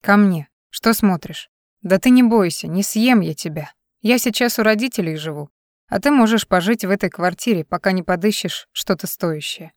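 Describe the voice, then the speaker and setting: A woman reading an audiobook, voicing a gruff, matter-of-fact male neighbor who offers help. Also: medium pitch, moderate pace, no echo, clean studio sound, lightly acted. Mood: blunt. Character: man, gruff helpful neighbor.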